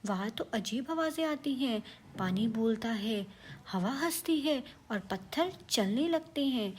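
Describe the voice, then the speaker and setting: Woman voicing a timid chubby rabbit boy, high pitched, slow, nervous, joking, storybook voice. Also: expressive, slight background noise. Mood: alarmed. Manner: nervous, jumpy, quick with jokes. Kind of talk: storybook character voice.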